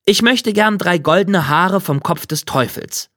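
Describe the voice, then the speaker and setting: A man's voice: sits high, animated, a little slow, fairly bright tone, dry recording, studio quality, voice pushed up. A man reading a storybook, voicing an earnest young hero who pleads and asks politely.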